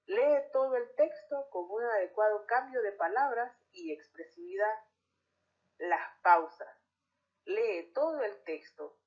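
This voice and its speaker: A woman teacher giving a recorded reading lesson for pupils, speaking clearly and deliberately with careful articulation. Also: medium pitch. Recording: dull lo-fi recording.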